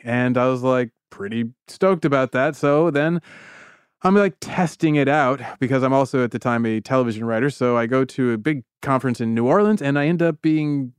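A man co-hosting a podcast, telling rambling, animated anecdotes with frequent laughter in casual chat. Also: medium pitch, clean tone, no room sound, clean studio sound. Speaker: podcast co-host. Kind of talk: casual conversational storytelling.

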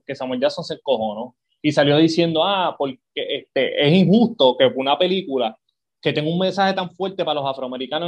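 A man with a fairly high voice co-hosts a podcast, telling animated stories packed with swearing in casual chat. The audio sounds dull.

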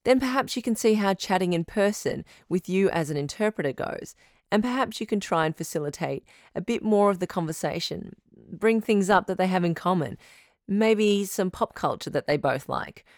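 A woman voicing a smooth radio host who runs a call-in advice show in a radio drama, steady and reassuring. Her voice sits fairly low, and she is recorded close and dry with no room sound. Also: normal speed, no echo. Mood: calm, advising.

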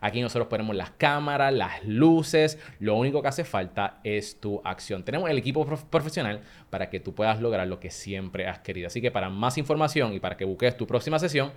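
A man hosting a business podcast, lively and laughing often as he reads ads and interviews his guest. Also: on the low side, fairly quick, few pauses. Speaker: podcast host.

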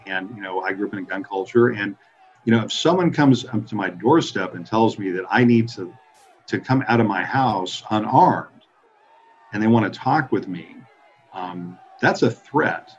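A man talks conversationally as an expert interview guest. His voice is low and husky, and the recording is slightly dull and lo-fi. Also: lively intonation, normal speed. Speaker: historian interviewee.

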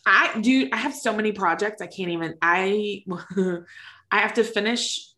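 A woman podcast co-host chats casually in a big, empty indoor room. Her voice carries a roomy echo off the bare walls, and she speaks at a middle pitch. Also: moderate pace, bright, forceful tone.

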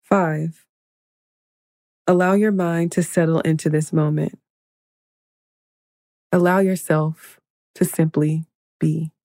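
Slow, low-voiced woman guiding meditation. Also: fairly even intonation, no room sound, clean studio sound. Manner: slow, soothing, hushed counting. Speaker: meditation guide. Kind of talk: guided meditation.

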